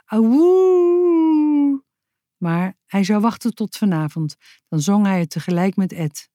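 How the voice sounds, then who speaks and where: A woman reading a children's story aloud, lively and giving each character a voice. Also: on the low side, normal speed, no room sound, clean studio sound. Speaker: narrator.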